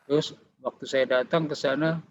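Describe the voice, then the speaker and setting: On a dull, slightly muffled recording with a little background noise, a middle-aged man shares his faith testimony. He speaks at normal speed in a creaky, somewhat high voice with fairly even intonation, recounting his story casually and voicing the dialogue himself.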